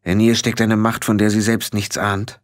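Man voicing a gruff little clan chief, brooding, blustering, storybook figure. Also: lowish voice, level tone, moderate pace, no echo, clean studio sound, close to an everyday voice. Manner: grumbling and blustering.

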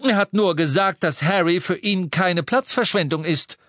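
A man voicing a brisk, indignant adult witch. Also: sits low, expressive, no echo, studio quality, voice pushed up, heavily acted.

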